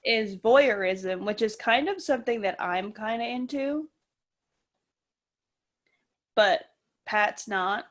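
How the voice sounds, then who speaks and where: Woman around thirty, podcast co-host, casual frank chat, middle pitch. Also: slow pace, pauses often. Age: 30s. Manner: frank, joking, lots of fillers.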